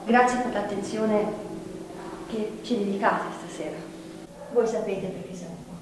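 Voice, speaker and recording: A woman's voice: medium pitch, a crowd in the background, natural voice. An actress playing a nervous, fussy female defense lawyer who pleads to a jury in a live theatre show. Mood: pleading. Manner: fussy, pleading, hurried greetings to the audience. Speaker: stage actress. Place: large echoey gallery hall. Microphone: distant room mic. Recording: far-off echoey hall with ambient noise.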